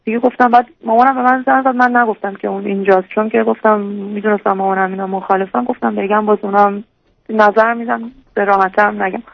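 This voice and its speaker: A woman's voice: mid-range voice, fairly even intonation, gravelly. Hesitant young woman calling a radio show. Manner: hesitant, full of fillers and restarts, unsure. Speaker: radio caller. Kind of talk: personal story on a call-in show. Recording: muffled lo-fi radio line.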